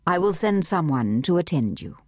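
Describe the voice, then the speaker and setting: A woman's voice: deep voice, big pitch swings, moderate pace, no echo, clean studio sound. A woman reading an audiobook voices a polite young man with an upper-class English accent, speaking formally. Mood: courteous. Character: elegant young Chinese man, Oxford-educated, courteous.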